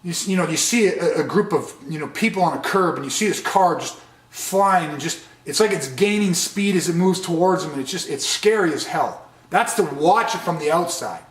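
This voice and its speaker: A man's voice: on the high side, moderate pace, reverberant. A man teaching a de-escalation training session, speaking earnestly and stressing key points. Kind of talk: training lecture.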